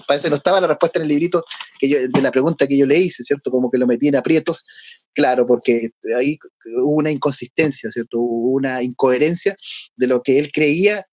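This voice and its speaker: A male pastor giving a conversational Bible lesson, often pausing for tag questions and restarting his sentences. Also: fairly high pitch, a little mellow, dry recording. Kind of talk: sermon.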